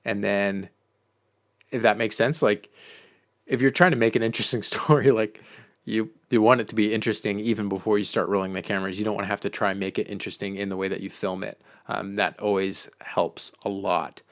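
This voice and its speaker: A man's voice: on the low side, fairly even intonation, brisk. A man hosting a casual live-stream Q&A on filmmaking, talking loosely with lots of "um" and "like" as he answers viewer questions from the chat. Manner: loose and chatty, full of "um" and "like".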